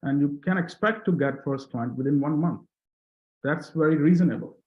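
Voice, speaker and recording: A coaching client appears as an interview guest on a testimonial video call, a man whose first language isn't English. He sounds earnest and on the high side, restarting haltingly and rising on key numbers. The audio comes from an echoey room through a tinny call line.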